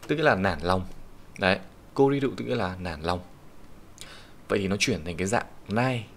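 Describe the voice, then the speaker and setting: A man with a Vietnamese accent teaching Japanese kanji in an online lesson, patiently explaining each reading and saying the Japanese example sentences slowly. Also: sits low, expressive. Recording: faint background hiss and keyboard typing.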